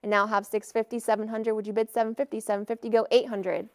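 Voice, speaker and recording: A woman auctioneer calling bids in a live auction with brisk, formulaic patter. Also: a little high, flat delivery, dry recording.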